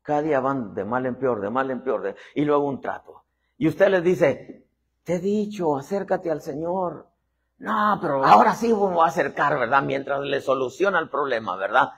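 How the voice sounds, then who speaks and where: A man preaching as an apostle acts out voices with animation, peppering his sermon with constant calls of "hermano." His mid-range voice is husky and set at a normal speed.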